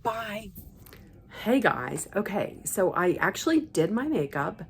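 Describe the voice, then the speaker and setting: A woman in her fifties chatting excitedly to camera in a casual vlog, with squeals and laughs. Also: medium pitch, takes it slowly, a little hiss or hum. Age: 50s. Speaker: vlogger.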